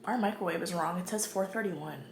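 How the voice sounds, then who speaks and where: A woman's voice: lowish voice, brisk, slight background noise, low-quality recording. Chatty young woman vlogging at home. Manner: chatty, rambling, lots of "like" and "um". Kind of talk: casual vlog rambling. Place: at home, bedroom closet. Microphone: handheld camera.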